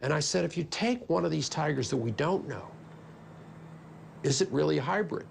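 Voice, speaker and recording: A man's voice: on the high side, lively intonation, moderate pace, gravelly, slight background noise. An older man, a scientist, explaining his views conversationally in a documentary interview. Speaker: geneticist interviewee.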